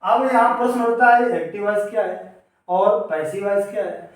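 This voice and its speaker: A man with a high voice teaches a grammar lesson. The room is very echoey, and he sounds some distance from the microphone. He explains each point step by step and answers his own questions. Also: steady tone, normal speed. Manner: addresses students directly. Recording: echoey room, voice away from the mic.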